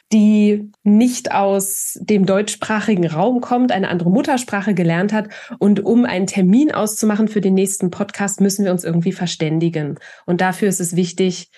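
A woman from eastern Germany, a speech scientist guest on a podcast, explaining her views in a measured, thinking-aloud way. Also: medium pitch, mellow. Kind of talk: expert interview answers.

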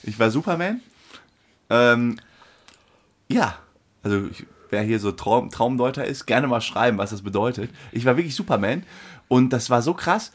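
A man co-hosting a podcast, chatting casually and telling his stories with excitement. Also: medium pitch, moderate pace, husky. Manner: excitable storytelling, laughs often. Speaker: podcast co-host. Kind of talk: casual chat.

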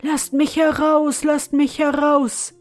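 A towering male spirit, put on by a woman reading a fairy tale, speaks with booming, haughty force. His voice sits high and loud. The storybook telling has faint music behind it. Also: monotone, takes it slowly. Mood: pleading. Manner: booming and haughty, later pleading. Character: huge proud male spirit trapped in bottle.

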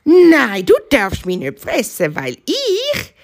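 A woman's voice: on the high side, huge pitch swings, takes it slowly, voice pushed up, full character voice. A woman voicing a small, nervous young rabbit with a St. Gallen Swiss German accent. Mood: pleading. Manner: nervous, pleading.

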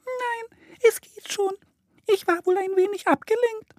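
A man voicing a tiny, clumsy girl bat with a squeaky, flustered voice. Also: fairly even intonation, a little slow, no room sound, clean studio sound.

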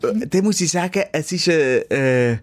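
A man's voice: fairly high pitch, moderate pace. A man with a Swiss German accent, co-hosting a podcast, telling a long rambling story full of restarts and fillers. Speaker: podcast co-host; event host and DJ. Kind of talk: casual chat.

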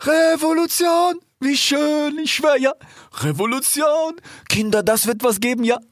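A gleeful hyena youngster. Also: male voice, very high voice, measured pace, no echo, studio quality, voice pushed up. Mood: jubilant. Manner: shouting with glee. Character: jubilant young male hyena pup.

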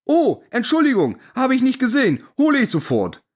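A man voicing a brusque mustached male bar worker who answers in loud, short phrases. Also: extremely high pitch, huge pitch swings, a little fast, voice pushed up, heavily acted. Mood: curt.

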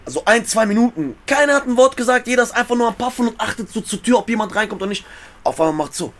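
Guy telling stories casually, high voice, slangy urban multiethnolect german accent, keeps repeating phrases and doing the dialogue. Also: lively intonation, racing, fairly bright tone. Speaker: guest telling prison stories. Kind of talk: animated casual storytelling.

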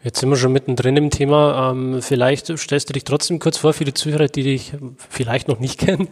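A man in his thirties hosting an interview, asking friendly, quick questions. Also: medium pitch, fairly even intonation, long reverb tail. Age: 30s. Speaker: podcast interviewer.

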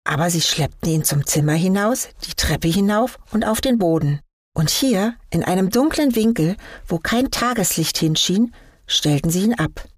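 A woman reading a fairy tale aloud in a calm, measured storytelling manner. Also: lowish voice, slightly rough, no echo, studio quality. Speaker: story reader.

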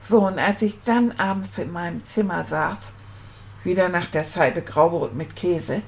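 A woman plays a small, earnest boy rat telling children about being homesick, in a soft and sincere voice. He talks at an unhurried, drawn-out pace, lingering over each thought as if sharing a secret. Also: lowish voice, creaky. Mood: wistful. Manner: slow, confiding storytelling to children. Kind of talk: children's puppet storytelling.

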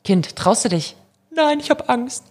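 This woman has a fairly high, slightly mellow and breathy voice with lively intonation and a somewhat slow pace. She's a professional handball player appearing as an interview guest, answering casually, sharing anecdotes and laughing easily. She grew up speaking a mix of German and Russian at home.

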